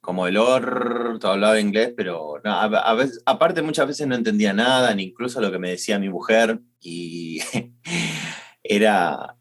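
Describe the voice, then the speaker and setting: A middle-aged man from Argentina with an Argentine Spanish accent, chatting casually as podcast co-host, rambling and repeating himself, with slangy speech. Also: lowish voice. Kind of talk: casual chat.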